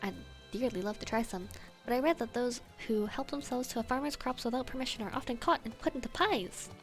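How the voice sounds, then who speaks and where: A prim culinarian, formal and eager to taste everything, read aloud by a woman. The voice sits a touch high. Game music plays loudly underneath. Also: brisk, lightly acted. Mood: polite. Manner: formal, old-fashioned phrasing. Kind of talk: reading game dialogue aloud.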